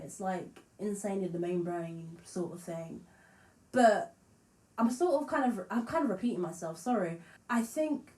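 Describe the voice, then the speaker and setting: A woman's voice: mid-range voice, darkish tone, roomy sound, low-quality recording. Chatty woman with a slight lisp. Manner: frank, chatty, swears freely, self-deprecating. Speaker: musician vlogger. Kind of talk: casual chat to camera.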